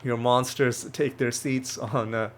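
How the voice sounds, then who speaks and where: His medium-pitched voice stays steady and measured as he hosts a let's play, though it's slightly nasal since he's recovering from a cold. He explains the game casually, wandering and self-correcting. There's slight background noise along with faint music.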